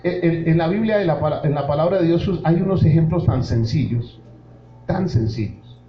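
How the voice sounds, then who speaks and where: Faint music sits behind a man with a somewhat high voice who preaches at a normal pace, speaking with fervor and directly to his listeners. The sermon comes from a church hall, and the recording sounds dull and roomy.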